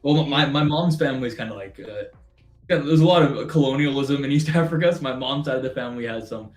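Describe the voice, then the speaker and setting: Co-hosting a trading live stream, this young Canadian talks fast in a medium-pitched voice. He is chatty and rambling, leans heavily on fillers, and laughs a lot, with the room audible and faint music behind him.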